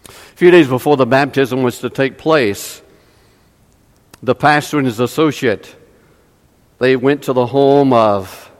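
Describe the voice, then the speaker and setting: Male pastor, slow measured sermon delivery, church hall reverb. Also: mid-range voice. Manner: slow, measured preaching with dramatic pauses. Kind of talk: sermon storytelling. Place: church sanctuary.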